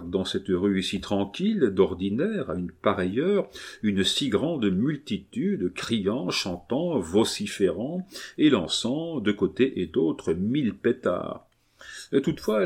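A man reading a novel aloud in a measured, expressive narrating style. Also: lowish voice, husky. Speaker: audiobook narrator.

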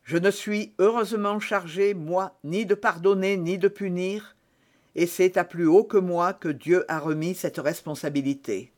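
A man reading an audiobook voices a stern, devout soldier guard who speaks gravely and solemnly. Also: high voice, steady tone, unhurried, darkish tone. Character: stern, pious young male soldier guard.

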